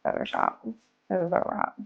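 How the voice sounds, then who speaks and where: Speaking a little fast over dull-sounding audio, a woman narrates a casual vlog from her home art studio. She's an artist and small business owner who chats through her studio work, making self-deprecating remarks and laughing often.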